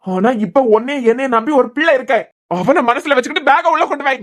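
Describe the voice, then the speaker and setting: A voice actor playing a young husband in a cartoon serial, with a Kanyakumari Tamil accent, pleading and trying to calm his wife. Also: medium pitch, quick pace, lightly acted. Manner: pleading, soothing, insistent.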